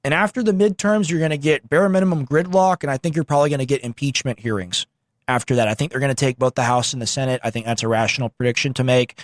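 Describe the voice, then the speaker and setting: A man's voice: medium pitch, fast, no echo, studio quality. A man hosting a call-in show, giving emphatic, informal, opinionated political commentary.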